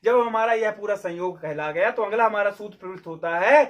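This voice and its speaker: Man, very high voice, Sanskrit grammar teacher, explains step by step, keeps checking if it is clear. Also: a little fast. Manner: repeats key points and checks understanding, asking questions aloud. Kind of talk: explaining at a board.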